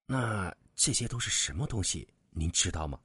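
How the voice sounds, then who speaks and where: A man voicing a courteous country gentleman who asks his questions softly and politely. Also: sits low, animated, moderate pace, slightly rough, no room sound, clean studio sound, full character voice. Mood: probing.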